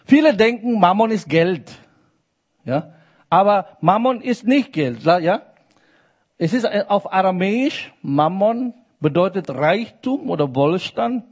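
Slow, high-voiced preacher. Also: male voice, expressive. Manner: slow, emphatic, with frequent checking questions to the audience. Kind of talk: sermon.

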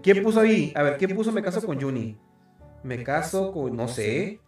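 A man's voice: a little high, expressive, normal speed, darkish tone, echoey room, faint music behind. A man hosting a church web show, laughing often as he reads comments aloud in casual chat. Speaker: host of a church online program.

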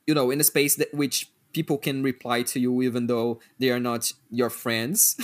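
A man's voice: mid-range voice, flat delivery, moderate pace. A man co-hosting a podcast, chatting casually and thoughtfully. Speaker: podcast co-host. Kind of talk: casual chat.

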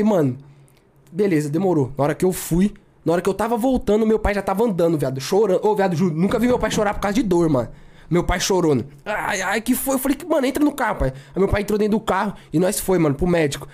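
A man's voice: high voice, animated, racing, a little mellow. A young man co-hosting a podcast and telling a story in a casual, slangy way, full of repeated filler words. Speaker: podcast co-host.

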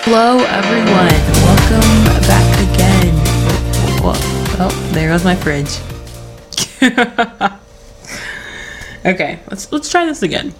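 Loud music plays behind a young adult woman as she hosts her solo podcast from home in the early morning. Her mid-range voice is animated but slow, with frequent pauses, and while losing her voice she rambles, giggles and interrupts herself in casual chat.

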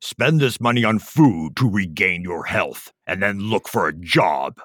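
Man voicing a stern heavenly giant, deep scornful voice, slow, dry sound. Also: lively intonation, a bit bright, dry recording, heavily acted. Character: stern giant male heavenly official with whip.

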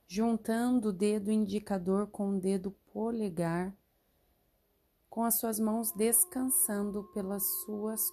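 Female relaxation guide: soothing, dark-toned delivery at an extremely slow pace, spacious pauses between instructions. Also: mid-range voice, a little hiss or hum. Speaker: meditation guide.

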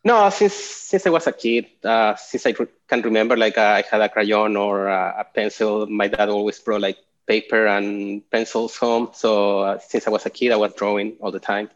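A man in his forties from Chile, a guest artist talking casually in an interview over a video call, halting with many fillers and restarts. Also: on the low side. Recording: dull lo-fi call audio.

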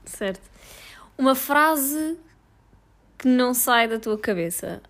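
A woman interviewer speaks in a slightly high voice. She asks probing questions in a relaxed, conversational way and pushes back to make her case. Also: slow. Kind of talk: casual interview.

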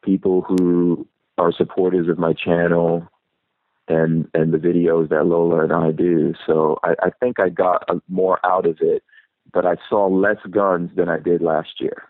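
Unhurried and flat, this low-pitched man speaks in a dry recording over a tinny phone line. Raised in New York City, he's a YouTuber guest in a casual interview, easygoing and thoughtful, meandering and starting his sentences over.

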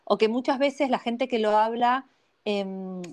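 A woman's voice: on the high side, a little slow, a little mellow. A woman with an Argentine Spanish accent hosting a casual interview, chatty and fond of tag questions and English words. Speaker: podcast host.

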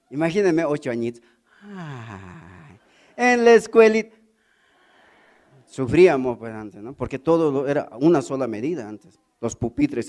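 Lively Bolivian comedian telling jokes. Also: male voice, on the high side. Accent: Bolivian Spanish. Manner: animated, acts out characters, stammering gags. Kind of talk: stand-up storytelling.

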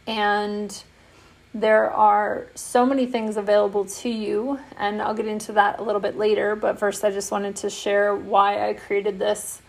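Lady w a bit of vocal fry, chatty soft promo talk, lots of ums. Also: mid-range voice. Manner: soft, meandering, many fillers and restarts. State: has the hiccups. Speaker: online community founder. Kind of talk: casual spoken promo talk.

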